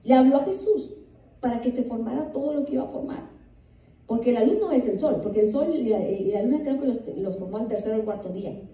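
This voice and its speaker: High-pitched, mellow-voiced woman pastor preaching. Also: expressive, fast talker. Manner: reads scripture aloud and repeats it with emphasis; asks the congregation questions. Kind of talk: sermon. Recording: echoey room, distant mic.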